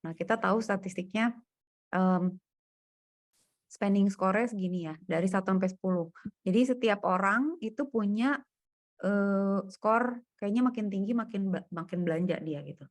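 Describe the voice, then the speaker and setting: A woman gives a relaxed one-on-one coding lesson, thinking aloud as she works through data and plots. She speaks in a casual manner. Her voice sits at an ordinary mid pitch. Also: moderate pace. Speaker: coding tutor. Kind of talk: private coding lesson over screen share.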